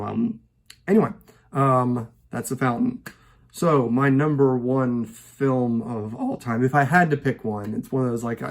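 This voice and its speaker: A man speaking at an ordinary pitch talks casually about his favorite films from home. He rambles and hesitates, often restarting his sentences. His voice sits in a middle register. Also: vocal fry. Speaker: host.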